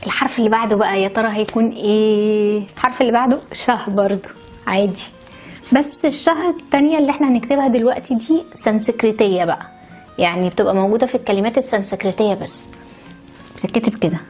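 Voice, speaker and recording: A woman's voice: a little high, fast talker, darkish tone, faint music behind. A woman with an Egyptian Arabic accent teaches how to write letters. She explains step by step and cheerfully adds chatty stories along the way. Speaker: language teacher. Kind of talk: handwriting lesson with chatty asides.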